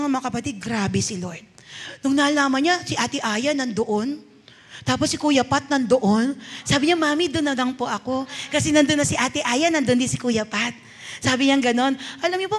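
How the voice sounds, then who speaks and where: A middle-aged Filipino woman pastor preaching a sermon, telling a personal story and acting out the dialogue in it, switching between Tagalog and English. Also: high-pitched.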